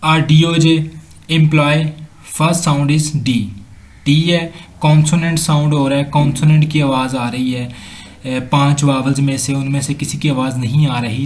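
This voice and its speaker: A man with a Pakistani accent talks through a grammar lesson slide by slide. His voice sits a little high. He speaks slowly and drills each example aloud, slipping into English sentences. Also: slight background noise. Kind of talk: slide-based lesson explanation.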